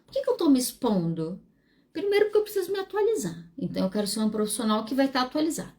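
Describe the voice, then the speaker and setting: A woman, hosting a solo podcast as a psychologist, speaking frankly and animatedly with wide swings in pitch. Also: big pitch swings, racing, a little mellow. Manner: frank and self-deprecating.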